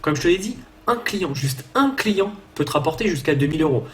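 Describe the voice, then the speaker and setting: Fast-talking young French man pitching. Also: animated, fairly bright tone. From France. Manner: fast, chatty and self-mocking, addressing the viewer directly. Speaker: online business coach. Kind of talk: casual sales pitch to camera.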